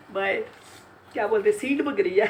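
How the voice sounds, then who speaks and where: A woman's voice: on the high side, slight background noise. A middle-aged woman vlogging in casual chat, congested and sore-throated from a cold, laughing often as she retells family talk.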